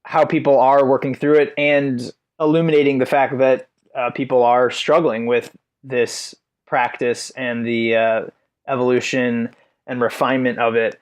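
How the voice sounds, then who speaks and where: A man's voice: medium pitch, flat delivery, measured pace. Rambling, thoughtful male podcast host. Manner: thoughtful, rambling questions with many fillers. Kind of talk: casual interview questions.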